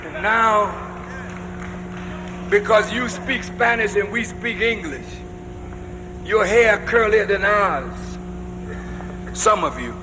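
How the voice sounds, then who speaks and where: Male preacher mid-sermon, slow and emphatic, rising to shouts, big reverberant hall. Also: sits high, noisy background. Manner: addresses the congregation directly. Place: large hall before a congregation. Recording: long reverb of a large hall.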